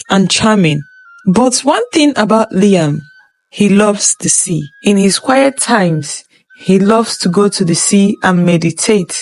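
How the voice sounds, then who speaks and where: A woman narrates a folktale at a steady, unhurried pace, her voice at a middling pitch. Soft music plays faintly beneath her telling. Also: rough recording. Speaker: storyteller. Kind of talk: storytelling narration.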